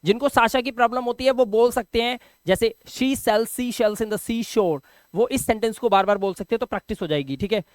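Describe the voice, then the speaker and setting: A man's voice: extremely high pitch, fast, hardly any pauses, dry recording. Dry-voiced man drilling English words. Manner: drills words, repeats them, keeps asking "ठीक है?"; animated and encouraging, with sudden loud emphasis. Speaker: English teacher. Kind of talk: spoken English vocabulary lesson.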